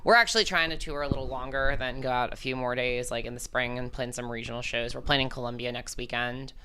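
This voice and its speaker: A woman from South Carolina with a strikingly deep yet bright, crisp voice. She talks loosely and jokingly, full of fillers, in a relaxed podcast chat recorded at her home. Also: quick pace, a little hiss or hum. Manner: rambling and joking, heavy on fillers. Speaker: band frontwoman and house-show host. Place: her house, indoors.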